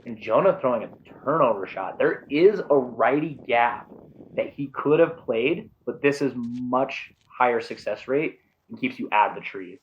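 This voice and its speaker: A man's voice: mid-range voice, expressive, moderate pace, highs cut off. A man giving casual golf-style play-by-play commentary as a disc golf commentator, supportive of the players.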